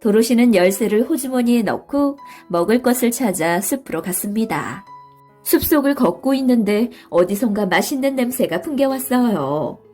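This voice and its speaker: Soft-spoken woman telling a bedtime story. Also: fairly high pitch, animated, normal speed. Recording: faint music behind.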